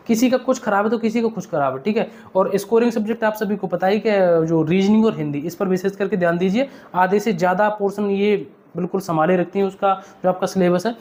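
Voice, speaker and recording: A young man's high, darkish voice addresses viewers in an informal advice vlog about exam updates. Earnest and mentor-like, he repeats himself and keeps tossing in check-ins to confirm they're with him.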